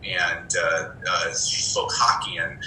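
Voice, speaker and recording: Guy telling stories in an interview, really bright sharp tone, echoey room w/ a little hiss. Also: low voice, slow pace. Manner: animated anecdotes, often mimics voices. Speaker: interview guest, former ESL teacher. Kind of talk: conversational interview storytelling.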